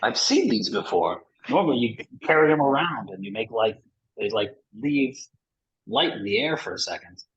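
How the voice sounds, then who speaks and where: A man's voice: medium pitch, big pitch swings, moderate pace, slightly rough, dull audio. A man playing a tabletop game, talking casually about what his character does.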